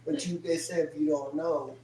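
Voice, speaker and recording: A man's voice: fairly high pitch, steady tone, moderate pace, mellow, a little hiss or hum. A man in a group Bible study who chimes in briefly, agreeing and reflecting on what he is still learning. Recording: echoey room, voice from far off.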